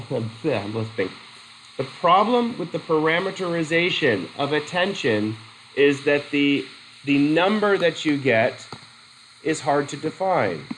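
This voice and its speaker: A middle-aged man with a cold teaches a methods class in a classroom with a whiteboard, his voice a bit bright and a little high for a man. He stops and restarts sentences while asking the students questions. The recording is low quality, with a faint hiss underneath.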